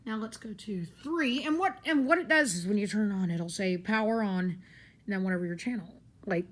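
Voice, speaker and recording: Off camera in her carpeted living room, a woman who reviews gadgets demonstrates one hands-on, talking loosely and informally as she wanders from point to point. She speaks at a normal speed in a mid-range voice, captured by a handheld camera or phone.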